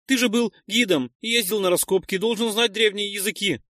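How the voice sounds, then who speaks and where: A man voicing a young former guide, earnest and anxious, quick to argue. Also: high voice, no room sound, studio quality, voice pushed up. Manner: pleading, excitable, quick to argue. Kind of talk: audiobook character voice.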